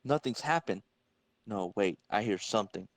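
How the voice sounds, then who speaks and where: A man's voice: lowish voice, lively intonation, moderate pace, dry recording. A man voicing a wry, determined college-age superhero in an amateur comic-book reading. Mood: strained, puzzled. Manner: wry, quippy.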